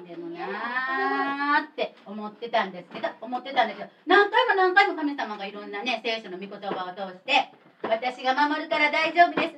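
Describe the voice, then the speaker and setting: Kansai-accented woman pastor, 30s, children's sermon, high and lively, recorded from a distance. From Kobe, Japan. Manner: animated, chatty storytelling to children. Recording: distant mic with faint noise.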